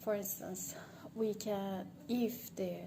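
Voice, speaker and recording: With background ambient noise behind her, a Turkish woman with a Turkish accent, a native speaker, thinks aloud in an unscripted monologue for social media. Her voice is medium-pitched, steady and creaky, and she's hesitant with many pauses.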